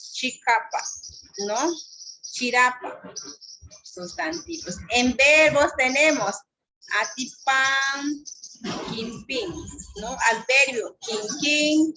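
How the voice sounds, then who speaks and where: A woman whose first language is Shipibo-Conibo, teaching a class at a slow, pausing pace and often checking in with her listeners. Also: sits high, bright, forceful tone. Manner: slow, pausing, frequent "¿no?" tag. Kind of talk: lecture on loanwords.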